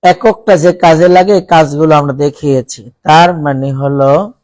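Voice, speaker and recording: A man with a Bangladeshi accent teaches a classroom of students, explaining each point and drawing out Arabic words slowly. He often stops to ask the class questions and has them repeat after him. His voice sits a little high and sounds dry and close to the mic. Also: fairly even intonation, a little mellow, no echo, poor audio. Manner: slow, drawn-out recitation of Arabic words as examples. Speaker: Quran recitation teacher. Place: college classroom.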